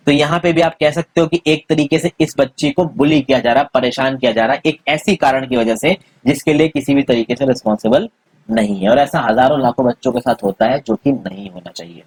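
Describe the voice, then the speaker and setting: A man's voice: a little high, a little mellow, husky, no room sound. A man teaching a civics lesson, explaining step by step and asking if students follow. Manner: explains step by step, checks understanding with questions. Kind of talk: Hindi-English civics lesson.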